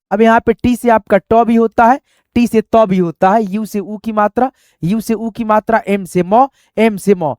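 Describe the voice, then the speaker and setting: A man's voice: high-pitched, a little mellow, no room sound, clean studio sound. A man teaching a reading lesson, patiently repeating each step and addressing viewers as friends. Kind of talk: explaining a spelling lesson.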